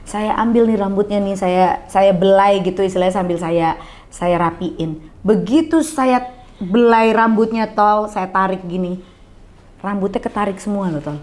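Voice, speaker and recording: A woman's voice: mid-range voice, moderate pace, darkish tone. A middle-aged woman speaks as a guest in a coffee bar, telling a heartfelt personal story. She talks earnestly and slips into other people's voices when she quotes them.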